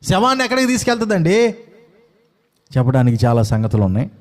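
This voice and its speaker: With a high voice, huge pitch swings, and a quick pace, a man preaches a dramatic sermon. He acts out quotes and scenes and keeps throwing questions at his congregation.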